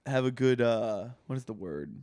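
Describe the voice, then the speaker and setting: Young male co-host, middle-pitched, teasing and profane, dry close sound. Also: animated, normal speed, a little mellow, smooth, no echo. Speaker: podcast co-host. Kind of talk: casual chat.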